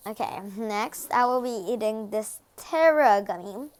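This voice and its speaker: A woman chatting casually through an eating vlog with ASMR, giggling and dropping into whispers between loud reactions. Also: fairly high pitch, animated, measured pace, a little hiss or hum. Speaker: vlogger. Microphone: phone.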